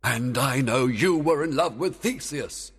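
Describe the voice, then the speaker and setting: A man's voice: mid-range voice, lively intonation, unhurried, breathy edge, long reverb tail, pitched above the performer's own voice. A man reading a storybook aloud, voicing a proud and scheming fairy king who gives stern commands and gloats. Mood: commanding.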